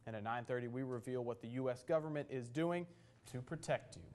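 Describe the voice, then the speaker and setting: Man, news anchor, mid-pitched, steady read. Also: a little fast. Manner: steady broadcast delivery. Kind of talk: scripted newscast.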